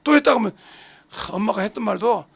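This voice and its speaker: A male preacher speaks fast in a gravelly, slightly rough voice, passionately veering between shouting and muttering as he fires rhetorical questions at the congregation. The audio has no echo.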